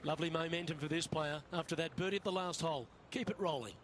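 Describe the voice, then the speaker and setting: A man's voice: fairly high pitch, fast talker, a bit bright, slight background noise. A man working as lead golf commentator, calling play live in short phrases.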